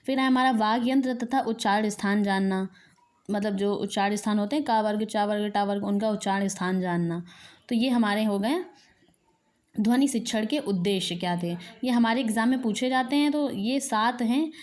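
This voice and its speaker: A woman's voice: medium pitch, normal speed, a little mellow. A woman teacher giving an exam-prep lecture, reading each point aloud and then explaining it again in plain words.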